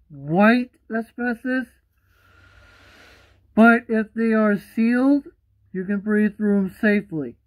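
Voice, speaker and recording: A young man talking through a gas mask in a casual, halting, repetitive explainer to camera. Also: high voice. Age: young adult. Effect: muffled through a gas mask. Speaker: vlogger. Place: small room indoors. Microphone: phone at arm's length.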